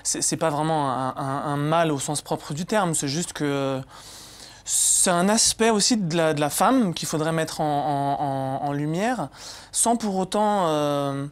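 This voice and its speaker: A man's voice: on the high side, measured pace. A young man, a guest in a TV studio, answering while repeating words as he searches. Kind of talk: studio interview. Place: TV studio, indoors.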